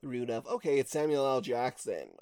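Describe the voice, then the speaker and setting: A man talking casually about a film on a podcast, relaxed with wry asides. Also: medium pitch, brisk, smooth, dry recording, clean studio sound.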